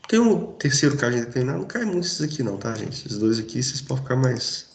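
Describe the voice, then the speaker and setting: A man's voice: mid-range voice, sing-song, fast talker, vocal fry, reverberant. A man teaching a Portuguese grammar lesson in a casual, informal way, checking in with his students often. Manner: informal, addresses students directly with frequent checks.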